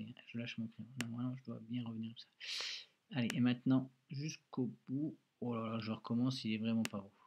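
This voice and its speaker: A man's voice: mid-range voice, creaky, muffled recording, slight background noise. A male schoolteacher recording a handwriting lesson for a child, patiently talking through each pen stroke aloud with an encouraging manner. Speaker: primary school teacher.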